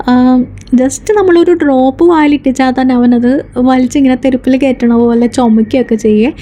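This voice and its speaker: A woman vlogger and young mother narrating her day in a chatty voice-over, often tagging a soft "tto" onto her sentences. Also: sits high.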